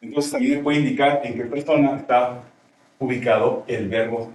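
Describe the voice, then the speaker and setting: A man's voice: mid-range voice, steady tone, normal speed, a little mellow. A male teacher explaining grammar in a classroom, often checking with his students as he goes. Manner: explanatory, asks frequent checking questions. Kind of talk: classroom lecture. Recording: roomy classroom, mic far off.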